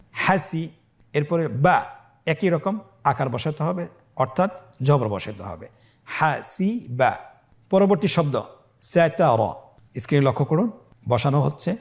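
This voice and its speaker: A man teaching Quran reading in a recorded lesson, slowly spelling out syllables and calmly guiding learners. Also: medium pitch. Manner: slow, drawn-out syllable-by-syllable spelling drills; calm, patient instructing tone.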